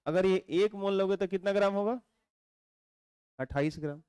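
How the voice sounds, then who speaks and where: High-voiced teacher, dry sound. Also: male voice, a little mellow, clean tone, no room sound. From India. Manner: explains slowly and repeats, asks students questions. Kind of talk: classroom chemistry lecture.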